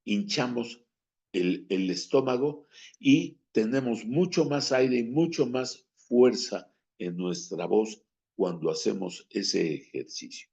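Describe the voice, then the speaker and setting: A man's voice: medium pitch, expressive, takes it slowly, gravelly, darkish tone. A man teaching a lesson on breathing and diction, stressing words and acting out phrasing as examples. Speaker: speaking coach. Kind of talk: instructional talk on voice and diction. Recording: dull lo-fi recording.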